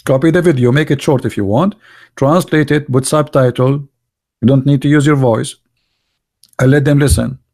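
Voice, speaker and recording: In a gravelly, mid-range voice with a slightly mellow quality, a middle-aged man hosts a live religious debate podcast. He speaks sarcastically and mockingly, in heavily accented English with broken grammar.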